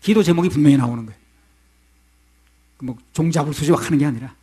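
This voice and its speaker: A man's voice: on the high side, fast talker, dark tone, husky. A male pastor preaching a sermon to his congregation in a conversational way, often asking them questions.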